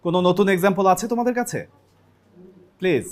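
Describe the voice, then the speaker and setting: A man hosts a classroom lesson at a rapid clip. His voice sits high, and he keeps an upbeat tone as he turns to the students. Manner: upbeat, addresses students directly. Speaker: classroom program host. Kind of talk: presenting a classroom lesson, Bengali mixed with English.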